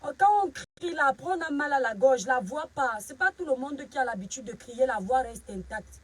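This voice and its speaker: A woman's voice: high voice, lively intonation, moderate pace, low-quality recording. A woman from Cameroon hosting a casual live stream, greeting viewers by name and sharply scolding critics. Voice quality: husky.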